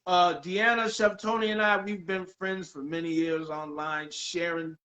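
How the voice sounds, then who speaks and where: A middle-aged man hosting a casual interview over a video call, excitable, exclaiming and repeating himself. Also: high voice, unhurried, rough recording. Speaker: podcast host.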